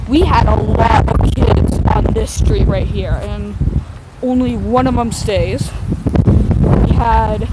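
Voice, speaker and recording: A young woman rambling casually and hesitantly in a sweary outdoor vlog, with wind on the mic. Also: on the high side. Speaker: vlogger. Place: outdoors on a residential street in wind and light rain. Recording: loud wind buffeting the microphone outdoors.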